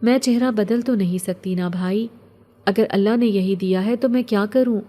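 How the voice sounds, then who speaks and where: Reading a horror storybook, a woman voices a lonely young orphan girl, soft and plaintive throughout with a wistful mood. Her voice is natural, mellow and warm, at a typical woman's pitch.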